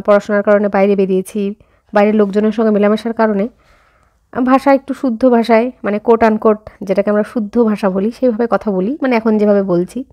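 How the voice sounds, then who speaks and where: A woman's voice: medium pitch, dark tone. A woman in her thirties speaking Bengali with a slight rural lilt, chatting casually to her viewers as she goes about her daily routine. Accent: Bengali with a slight rural Jessore-Khulna lilt. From India. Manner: chatty, addresses viewers directly, frequent fillers. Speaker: vlogger. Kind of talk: casual vlog narration. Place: home and outdoors while running errands.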